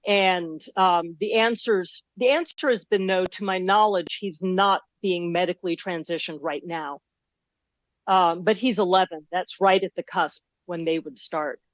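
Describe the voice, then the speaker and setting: An older woman, a grandmother guest, talking gently and measured about her own family. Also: fairly low pitch, no echo, highs cut off. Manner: gentle, measured, many soft "um"s and "mm"s. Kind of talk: calm personal account.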